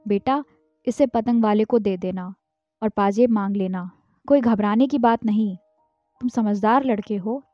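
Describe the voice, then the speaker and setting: A woman's voice: medium pitch, unhurried, dry recording, soft background music, close to an everyday voice. Stern, curt father, as a woman reads him. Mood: coaxing. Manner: curt, commanding. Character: stern middle-aged father scolding his son. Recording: dull, dry, lo-fi.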